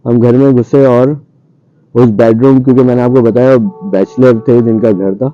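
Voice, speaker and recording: A man's voice: mid-range voice, moderate pace, soft background music. A man casually recounting a scary night from his past, acting out what he and his cousin said. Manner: animated retelling, acting out his own past lines. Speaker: storyteller guest. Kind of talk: casual spoken ghost story. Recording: dull muffled radio-style audio.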